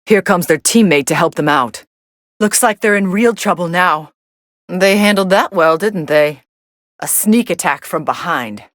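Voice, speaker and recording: Fighting game role: sardonic young android woman, lowish pitch, dry studio sound, dismissive commentary. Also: a little slow, dry recording. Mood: cool, detached. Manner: deadpan, dismissive.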